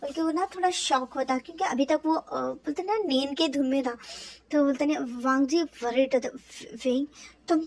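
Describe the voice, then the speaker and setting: High-voiced woman narrating fan fiction casually. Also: moderate pace. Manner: chatty, mixes in English words. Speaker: storyteller.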